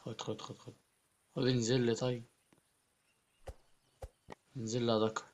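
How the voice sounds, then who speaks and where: A man with an Egyptian Arabic accent giving excitable Let's Play commentary as a gaming YouTuber, often repeating his words. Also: medium pitch, normal speed, dull audio, a little hiss or hum.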